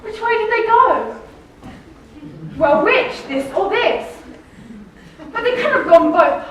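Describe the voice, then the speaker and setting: Woman acting homesick Dorothy, very high-pitched. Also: lively intonation, slow, fairly bright tone, heavily acted. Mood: earnest, curious. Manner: pleading, wide-eyed. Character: earnest, homesick young girl Dorothy. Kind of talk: theatrical stage play acting. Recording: very echoey hall, distant mic, faint noise.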